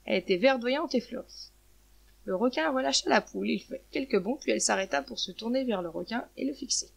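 A woman reading a folk tale aloud as storyteller, steady and measured. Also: a little high, gravelly, slightly rough. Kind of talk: storybook narration.

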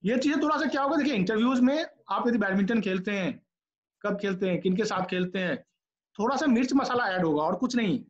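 Man, middle-aged, classroom lecture, direct and coaching, acts out answers, high-pitched, dull lo-fi sound. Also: expressive, brisk. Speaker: lecturer giving interview tips. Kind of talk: classroom lecture in Hindi mixed with English. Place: classroom with students.

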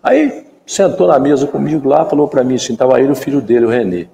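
A man from Brazil in his fifties, a former footballer and guest in a live chat, telling a story in an animated way and acting out the dialogue. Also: medium pitch, quick pace, vocal fry, a little hiss or hum. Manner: animated storyteller who acts out quoted dialogue. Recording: echoey room with long reverb.

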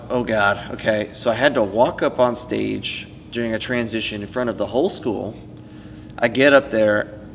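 A man's voice: medium pitch, a bit bright. A young man in his late teens, a student stage tech, telling stories in a casual interview, full of "like" and "you know," in an empty school auditorium. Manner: rambling, heavy use of "like" and "you know". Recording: reverberant auditorium, faint hum.

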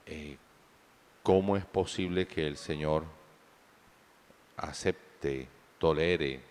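A man serving as priest, reading the Gospel and preaching slowly and deliberately in a large church with a cathedral echo. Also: very deep voice, darkish tone. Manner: slow, measured proclamation. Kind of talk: liturgical reading and homily. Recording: long church reverb.

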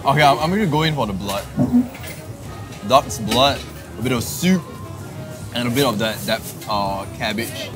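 A man's voice: mid-range voice, animated, normal speed, long pauses, music in the background. A man hosting a food vlog, chatting eagerly as he tastes dishes at an outdoor night market. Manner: enthusiastic, chatty while eating. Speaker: food vlogger host. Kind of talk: casual food vlog chat.

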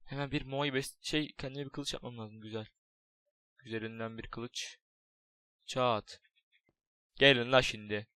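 A gaming YouTuber, a young man with a medium-pitched voice, provides casual commentary on a Minecraft let's play in a dry recording. He's excitable and jokey, swears, and chats to his pet.

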